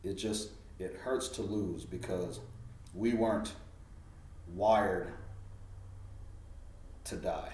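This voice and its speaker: A man speaks earnestly in a heartfelt talk, reflective and given to soft laughs. His voice sits on the lower side. The room is echoey and he sounds some way from the mic. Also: extremely slow, long pauses, slight background noise. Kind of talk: casual heartfelt conversation. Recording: roomy sound from a distant mic.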